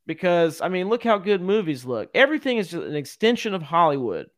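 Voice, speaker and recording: A podcast co-host chatting loosely and joking. He speaks with a markedly high voice for a man. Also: big pitch swings, fairly quick, fairly bright tone. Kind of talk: casual chat.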